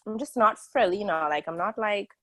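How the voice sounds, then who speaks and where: A woman's voice: mid-range voice, a little fast, no room sound, poor audio. A woman in her early thirties, from a small island country, speaking as an interview guest on a video call in a candid, rambling way full of fillers and restarts. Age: 30s. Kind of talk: casual video-call conversation.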